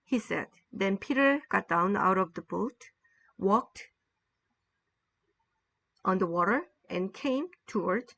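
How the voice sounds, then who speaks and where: A woman teaching a Bible-based English lesson. She explains in Korean and reads English sentences slowly and deliberately, repeating phrases for learners to follow. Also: on the high side, fairly bright tone, no echo.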